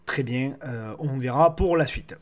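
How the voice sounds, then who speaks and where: A man's voice: medium pitch, unhurried. A man hosting a casual market commentary video, repeating words as he feels his way through his phrasing. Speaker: host of a stock market analysis show.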